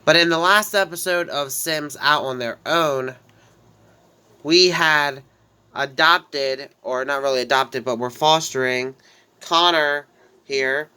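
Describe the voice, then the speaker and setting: Slightly nasal from a head cold, a man narrates his life-simulation game story in a casual let's-play, rambling and often restarting. His voice is on the high side, sharp yet smooth, and he takes his time.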